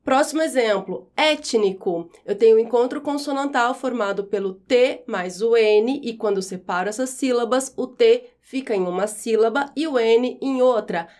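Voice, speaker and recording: A woman teaching a grammar lesson in a high, light voice. She explains step by step and says each example word slowly, with careful, clear enunciation. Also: a little mellow.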